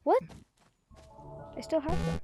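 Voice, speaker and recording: A woman's voice: slow pace, over music. A woman hosting a VR gameplay video, chatting casually and exclaiming often over a headset mic. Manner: excitable, exclaiming. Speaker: VR gameplay host.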